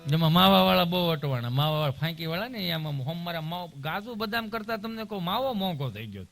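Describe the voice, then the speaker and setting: Animated comedian, high voice. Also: male voice, fairly quick, vocal fry, faint music behind. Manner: animated, punchy, anecdotal delivery. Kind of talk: stand-up comedy storytelling.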